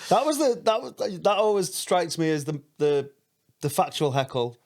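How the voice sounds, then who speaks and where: A man hosting a podcast, chatting casually and chipping in with quick banter. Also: a little high, big pitch swings, a little mellow, soft background music. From England. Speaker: podcast host.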